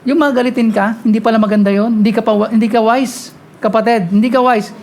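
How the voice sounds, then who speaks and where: A woman preaching a sermon, talking quickly and often asking the congregation "Amen?". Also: on the high side, fairly even intonation, a little mellow. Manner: mixes Tagalog and English, frequent call-and-response "Amen?"; talks fast at times.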